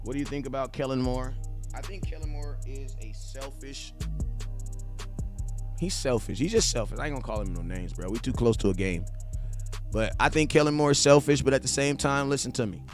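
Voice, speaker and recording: A brisk, mid-range voice comes over music from a man in his 40s. As a live streamer and sports fan host, he chats loosely while reading viewer comments, using slang, speaking straight to his viewers, and repeating points for emphasis.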